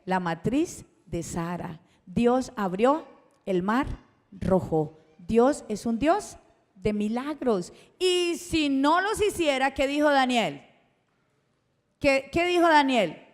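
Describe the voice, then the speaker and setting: Woman preaching in a reverberant church. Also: fairly high pitch. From Colombia. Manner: asks the congregation questions and answers them herself. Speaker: schoolteacher. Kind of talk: sermon. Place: church hall. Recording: long church hall reverb.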